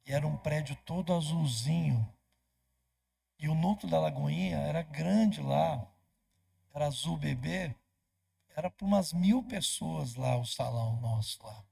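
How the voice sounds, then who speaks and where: Brazilian pastor, storytelling sermon, animated voicing of dialogue, raspy and very gravelly. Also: male voice, fairly high pitch, measured pace. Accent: Brazilian Portuguese. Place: church.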